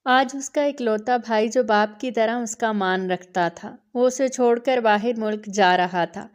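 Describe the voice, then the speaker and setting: A woman narrating a romantic novel in a steady, dramatic storytelling manner. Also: on the high side, clear, resonant tone. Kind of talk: audiobook novel reading.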